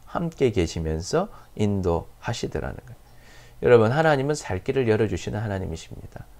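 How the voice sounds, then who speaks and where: A man's voice: fairly low pitch, very animated, brisk, a little mellow. A male pastor delivering a sermon, posing rhetorical questions and answering them himself, with repeated blessings.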